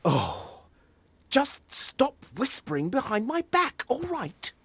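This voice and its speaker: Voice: high voice, huge pitch swings, slow pace, a bit bright, slightly rough, no echo, full character voice. An actor playing a lazy, grumpy male troll who complains in a huffy, whiny way. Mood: grumbling. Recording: game audio with faint music.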